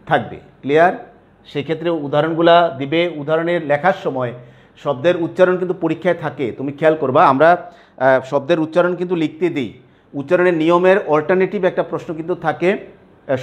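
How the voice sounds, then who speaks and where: Male teacher, a bit high in pitch, patient classroom lecture that keeps checking understanding. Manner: repeats words slowly and asks 'clear?' often.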